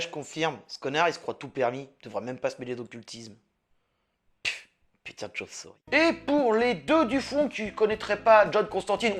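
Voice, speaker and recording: Sarcastic woman hosting a comics review. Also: a little high. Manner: lively, sarcastic, swears casually. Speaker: host of a comics review channel.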